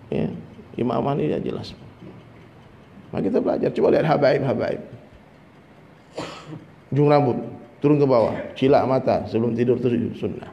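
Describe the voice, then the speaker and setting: A man's voice: medium pitch, moderate pace, vocal fry, long pauses, dull audio. A man preaching a dawn sermon in a conversational way, often addressing listeners directly, joking and mimicking people. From Minangkabau, West Sumatra. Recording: faint noise, long hall reverb.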